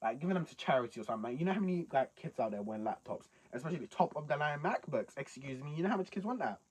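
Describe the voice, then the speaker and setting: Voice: medium pitch, lively intonation, rapid-fire, slightly rough. A young British adult chatting casually as a video host, reacting to confessions with slangy, incredulous rhetorical questions.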